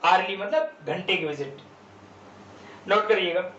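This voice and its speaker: Man, English teacher, grammar lesson, spells words out, higher voice, distant echoey mic. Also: unhurried, fairly bright tone. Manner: spells words letter by letter, asks and answers own questions. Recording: roomy, distant, dull lo-fi sound with faint background noise.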